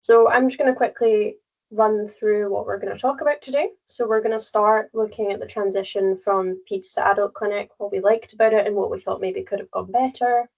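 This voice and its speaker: A young woman in her late teens co-presents a webinar over a video call. She runs through the agenda briskly and in plain terms. Her voice comes through slightly muffled. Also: medium pitch, fairly even intonation, creaky, darkish tone.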